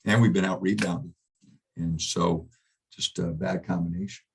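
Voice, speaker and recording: Middle-aged male coach, deep husky voice, halting postgame answers. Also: steady tone. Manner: halting, subdued, many fillers and restarts. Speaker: basketball head coach. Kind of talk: postgame press conference.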